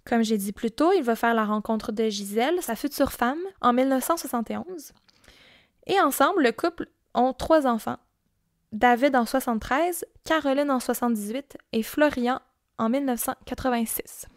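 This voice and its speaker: High-voiced Québécois woman telling a story. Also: moderate pace, no room sound, clean studio sound. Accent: Québécois French. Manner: casual, chatty storytelling with frequent fillers. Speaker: podcast host and storyteller. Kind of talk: true-crime podcast narration.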